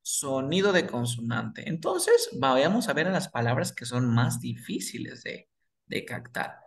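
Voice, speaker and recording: Spanish-speaking man as a patient English tutor, unhurried, repeats words and quizzes the listener. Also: mid-range voice, very animated, creaky. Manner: repeats words slowly, asks and answers his own questions. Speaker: English teacher. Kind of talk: explaining grammar to beginners.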